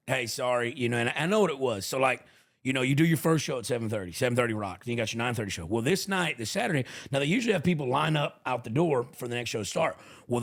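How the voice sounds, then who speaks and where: A man's voice: mid-range voice, vocal fry. A man hosting a casual comedy podcast, telling rowdy road stories full of swearing. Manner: profane, animated storyteller. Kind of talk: casual chat.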